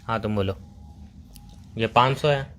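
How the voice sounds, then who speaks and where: A man's voice: lowish voice, measured pace, fairly bright tone, a little hiss or hum. A young man making a prank phone call to his girlfriend, accusing her in a teasing, mock-serious way.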